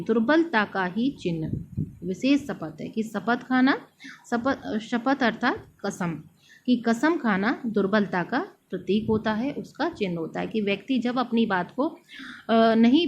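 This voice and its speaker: A woman teacher reciting poem verses slowly and then explaining them line by line, often pausing with fillers. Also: medium pitch. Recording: dull lo-fi recording, faint noise.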